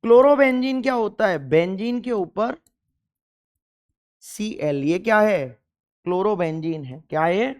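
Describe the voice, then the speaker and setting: A man's voice: high-pitched, measured pace, long pauses, clean tone. A young man teaching chemistry in an exam-focused lecture, emphatic, repeating key points and firing questions at the class.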